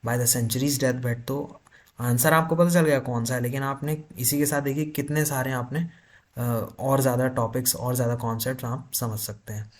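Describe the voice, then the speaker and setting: A man teaching literature for an exam, explaining in Hindi with terms and reading notes slowly. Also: mid-range voice, steady tone. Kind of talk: exam-prep lecture.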